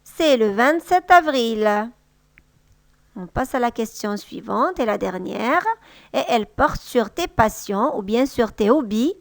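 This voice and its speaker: A woman with a high voice gives a language lesson at an unhurried pace. She says each model phrase twice, a touch louder. The sound is dry and close to the mic. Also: no echo. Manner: patient, repeats example sentences slowly and louder. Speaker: French teacher. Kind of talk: slow, clear language lesson.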